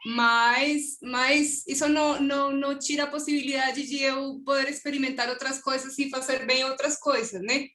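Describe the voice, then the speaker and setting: A woman's voice: high voice, fairly even intonation, normal speed, hardly any pauses, sharp tone, reverberant. A Colombian woman, a native Spanish speaker, answering questions on an online academic panel with a Colombian accent, hesitant and searching for words, often ending with a tag question. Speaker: conference presenter. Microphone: video call.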